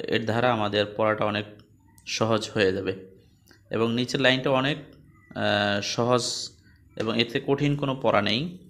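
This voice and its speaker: A man with a Bangladeshi Bengali accent teaching a Quran reading lesson, spelling out each letter and vowel mark before reciting the joined words slowly. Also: mid-range voice. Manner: softer, quicker asides to students between drills. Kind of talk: slow step-by-step recitation lesson.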